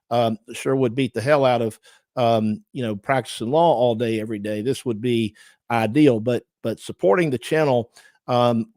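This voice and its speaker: A man's voice: mid-range voice, darkish tone, no echo. Southern US host, middle-aged guy, chatty and easygoing, dry close sound. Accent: Southern US, Georgia. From Georgia, USA. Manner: chatty, thanks viewers, frequent fillers. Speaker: livestream host and lawyer. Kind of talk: casual livestream commentary.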